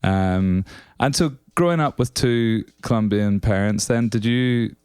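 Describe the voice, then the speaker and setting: Low-voiced rambling male podcast host. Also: measured pace, darkish tone, clear, resonant tone, dry recording, studio quality. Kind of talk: casual podcast interview.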